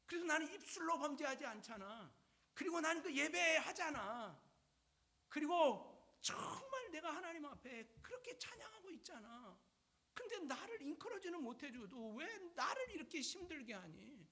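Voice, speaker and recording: A wronged, pleading sufferer, as a preacher puts him on cries out to God in a high, widely swinging voice. He sounds plaintive and indignant, his pitch leaping up and down. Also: sing-song, moderate pace, husky, full character voice. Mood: aggrieved.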